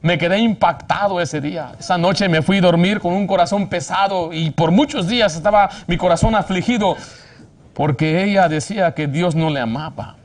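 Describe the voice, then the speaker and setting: A man's voice: high-pitched, normal speed. A man preaching a sermon fervently, asking rhetorical questions and often restarting his phrases. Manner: frequent restarts and self-corrections.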